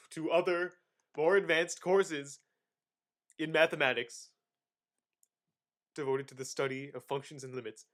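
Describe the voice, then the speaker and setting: Reading from a script, a high-voiced man hams it up with mock drama and theatrical flair, stopping in halting pauses and lurching from whispers to loud bursts.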